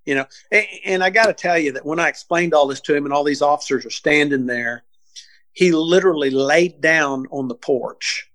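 A man being interviewed, telling a case story in a casual, animated way, acting out what people said, with frequent restarts. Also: a little high, moderate pace, no echo.

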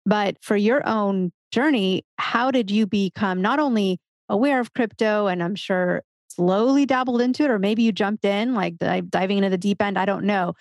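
A woman's voice: medium pitch, no echo. A woman hosting a podcast, introducing and questioning a guest in a conversational interview style.

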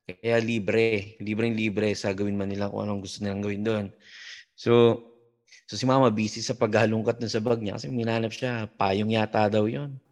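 A man, a podcast guest, telling a story in casual talk, halting and full of fillers and restarts. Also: fairly low pitch, steady tone, a little mellow.

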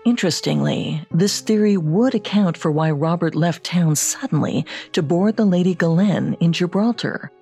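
A woman co-hosting a podcast, reading scripted true-crime narration with measured storytelling delivery. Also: lowish voice, creaky, mellow, breathy edge, faint music behind. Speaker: podcast co-host.

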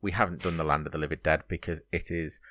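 A man's voice: a bass voice, steady tone, fast talker, fairly bright tone, no echo, studio quality. A man co-hosting a podcast in casual chat, teasing his co-host with playful banter.

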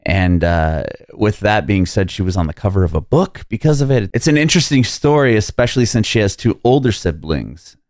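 Man, podcast host, low voice, upbeat and energetic, dry close sound. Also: fairly quick, hardly any pauses, no echo. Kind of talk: casual interview chat. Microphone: remote video call.

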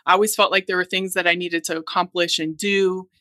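A woman's voice: on the low side, flat delivery, a little fast, no echo. A woman in her thirties talking earnestly and thoughtfully in a casual chat. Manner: earnest, thoughtful, with soft laughs.

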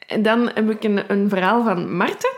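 A woman co-hosts a podcast in easy conversation. She speaks at a middle pitch and hesitates often, filling her pauses. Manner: hesitant, many fillers. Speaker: podcast co-host. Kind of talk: casual chat.

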